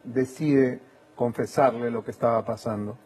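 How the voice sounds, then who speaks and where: A man interviewing a guest on local television, asking measured, formal questions. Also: mid-range voice, fairly even intonation, a little mellow, breathy edge. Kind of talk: news interview.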